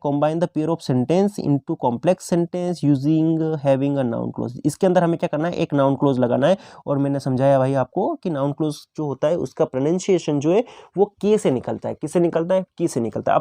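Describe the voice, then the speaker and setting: A man teaching an exam-prep English grammar lesson in Hindi, asking himself questions and answering them, slowing down to read English examples. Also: on the high side, dark tone, no echo, clean studio sound.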